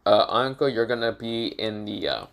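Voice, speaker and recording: A man's voice: lowish voice, lively intonation, normal speed, gravelly. A man casually improvising a fan fiction story, rambling with fillers and restarts.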